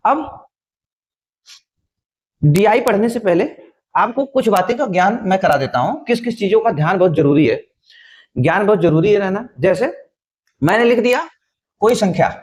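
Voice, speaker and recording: A man's voice: high-pitched, animated, moderate pace, long pauses. A man teaching an exam-prep maths lesson, often asking a question and then answering it himself. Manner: repetitive, asks and answers own questions.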